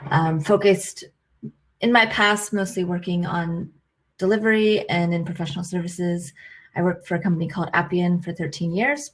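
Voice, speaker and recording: A woman's voice: on the low side, rough recording. American woman presenting on a video call. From United States. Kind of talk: webinar presentation.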